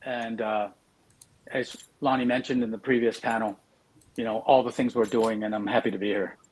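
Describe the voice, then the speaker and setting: A man introducing himself on a panel over a video call whose connection keeps cutting out. He speaks briefly and haltingly, repeating words. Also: fairly low pitch, level tone, a little mellow, husky, rough recording. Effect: connection cutting out and dropping in and out. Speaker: startup founder on a panel.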